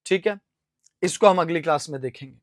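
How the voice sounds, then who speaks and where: A young man with an Indian accent teaching an English vocabulary lesson, explaining each answer step by step, asking and answering his own questions and spelling words out slowly letter by letter. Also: on the high side, dry recording, studio quality.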